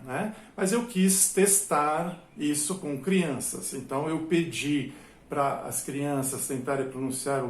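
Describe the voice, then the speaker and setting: A man with a São Paulo interior accent giving a methodical music-education lecture, pausing often on filler sounds. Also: on the high side, reverberant. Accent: São Paulo interior, retroflex R. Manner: explains methodically with frequent filler "é". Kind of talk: explanatory lecture.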